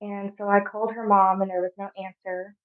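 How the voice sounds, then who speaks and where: A young woman in her twenties from Arizona, telling a personal story softly, with halting pauses. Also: medium pitch, level tone. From Arizona, USA. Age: 20s. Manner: soft, halting, with frequent pauses. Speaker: podcast guest. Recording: phone-like narrow sound.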